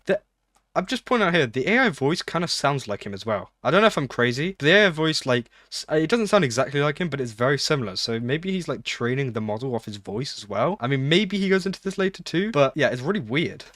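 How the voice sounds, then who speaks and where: Fast-talking man reacting to a clip. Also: medium pitch, animated, a bit bright, no room sound, clean studio sound. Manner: chatty, quick asides and laughs over a played clip. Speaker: reaction video host. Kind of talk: casual reaction commentary.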